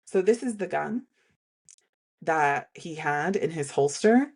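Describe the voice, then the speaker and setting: A woman hosting a podcast, giving casual political commentary in an animated way, laughing often and reading statements aloud. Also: low-pitched, takes it slowly. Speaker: podcast host.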